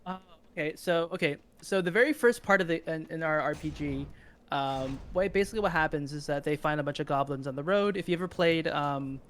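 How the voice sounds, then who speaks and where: A man's voice: a little high, fairly quick, fairly bright tone, slight background noise. A man on a charity stream chatting casually and rambling with lots of fillers. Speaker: guest voice actor on a charity stream. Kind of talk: casual chat. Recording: music playing behind.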